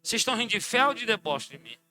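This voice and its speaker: A Brazilian man preaching a sermon as pastor, swinging from shouts to muttered asides and acting out dialogues. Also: sits high, sing-song, very fast, over music. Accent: Brazilian Portuguese. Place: church.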